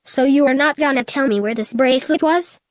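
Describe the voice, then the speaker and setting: A woman's voice: high voice, a little fast, no room sound, lightly acted. Woman voicing an angry teen hedgehog boy. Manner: shouting, bitter. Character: angry hurt teenage male hedgehog.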